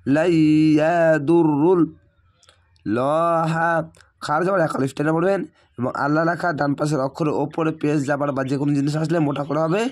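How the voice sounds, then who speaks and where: A hoarse man teaching Quran reading, spelling out letters and vowel marks syllable by syllable in a patient lesson. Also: on the high side, steady tone, racing.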